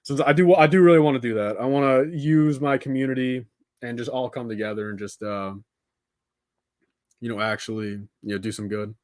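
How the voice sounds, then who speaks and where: A young man hosts a building livestream, chatting casually and unscripted with his viewers and tossing in words like "dude" and "man." His mid-range voice is fairly quick and darkish, and the recording is dry with no echo and hardly any room sound.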